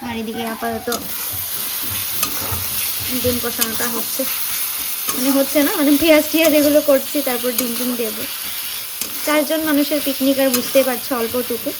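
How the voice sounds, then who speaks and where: A woman's voice: high-pitched, moderate pace, pauses often, very noisy. A woman with a Bengali accent giving chatty, teasing running commentary as she cooks at home and films a vlog. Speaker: vlogger. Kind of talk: casual vlog narration while cooking. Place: home kitchen and outdoor yard.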